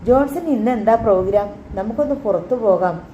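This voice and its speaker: A woman reading the lines of a sharp-tongued, lonely young wife in an audiobook, with quick, cutting remarks. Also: a little high, animated, a little hiss or hum, natural voice. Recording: roomy, slightly dull recording.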